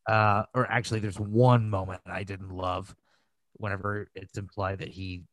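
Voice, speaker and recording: Recorded dry, this man with a fairly low voice hosts a podcast and talks about movies in a loose, crass way. He's emphatic and gushing, cursing freely throughout the casual review chat.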